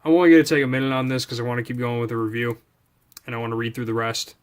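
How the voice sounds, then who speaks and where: A product reviewer hosting a video channel does a casual, unscripted unboxing, rambling and thinking aloud as he handles items. He talks very fast in a clear, resonant, medium-pitched voice with little pitch movement.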